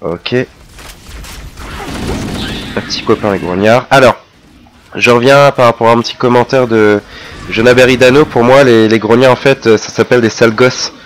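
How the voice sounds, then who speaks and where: A man giving casual, chatty commentary over his own gameplay, excitable and quick to mock himself. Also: medium pitch, a little hiss or hum. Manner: chatty, self-mocking, excitable. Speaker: let's play gamer.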